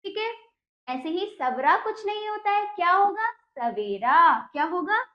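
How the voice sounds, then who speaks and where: A woman teaching a primary school language lesson, patiently asking questions and slowly repeating the answers. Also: very high voice, animated. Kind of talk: classroom lesson explaining exercises. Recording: echoey room, dull lo-fi sound.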